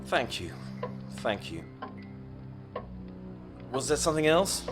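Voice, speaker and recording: Male actor, cold commanding Victorian gentleman villain for audio drama, medium pitch, strong music bed. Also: very animated, slow pace. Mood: cold conviction. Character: cold, imperious Victorian master, secretive and ruthless. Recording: voice over prominent music.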